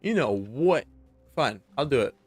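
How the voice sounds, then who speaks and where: A man's voice: mid-range voice, big pitch swings, a little slow, soft background music. A young man casually commenting on a game as he plays, muttering and playfully echoing the narrator. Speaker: gameplay streamer.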